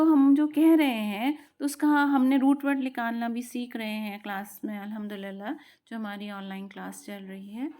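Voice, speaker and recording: A woman gives a spoken recitation lesson in a fairly high voice. She explains patiently and repeats herself step by step. She draws out each demonstration sound slowly. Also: darkish tone. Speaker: Quran recitation teacher.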